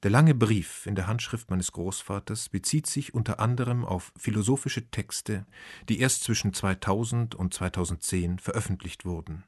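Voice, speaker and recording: A man giving calm, measured scripted narration in a matter-of-fact way. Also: on the low side.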